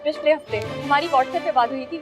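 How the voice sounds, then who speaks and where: A woman's voice: high voice, moderate pace, music in the background, natural voice. An actress playing a young woman friend who brags about her new suitor. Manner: bragging, dreamy. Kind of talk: TV drama acting.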